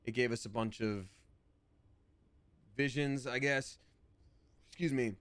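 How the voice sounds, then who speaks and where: A man's voice: medium pitch, steady tone, takes it slowly, fairly bright tone, clear, resonant tone, no room sound. A man streaming a video game with casual, playful live commentary and exaggerated reactions.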